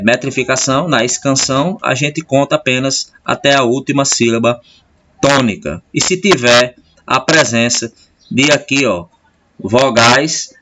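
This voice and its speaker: A man's voice: mid-range voice, a bit bright. A middle-aged man talks his students through a recorded lesson. He is patient and keeps checking in with them after each step. His voice sits in a middle range, with a faint hiss in the background. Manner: patient, repeats tag questions like "certo?" often. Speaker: teacher. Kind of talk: video lesson.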